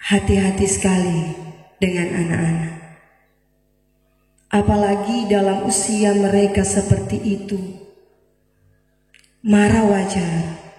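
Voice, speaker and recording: A woman's voice: mid-range voice, steady tone, slow pace, pauses often, dark tone. A woman pastor, telling an earnest story in her sermon in a large church. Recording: echoey church hall from far off, faint music.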